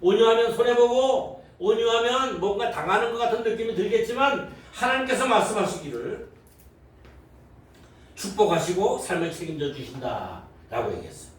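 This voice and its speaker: A man's voice: sits high, lively intonation, normal speed. Male pastor preaching in an echoey sanctuary. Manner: interactive preaching, quizzing the congregation, acting out worldly reactions. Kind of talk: sermon. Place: church sanctuary. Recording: very echoey hall, voice from far off, faint noise.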